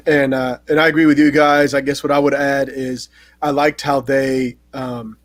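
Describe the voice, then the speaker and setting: A man hosting a casual movie-review chat, relaxed and animated when he gets going. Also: mid-range voice, moderate pace, no echo. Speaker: host.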